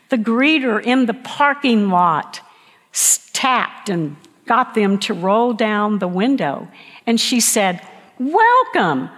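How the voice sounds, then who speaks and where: A woman pastor preaching a sermon, telling stories slowly and emphatically with dramatic pauses. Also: on the high side. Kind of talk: sermon storytelling. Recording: long reverb of a large hall.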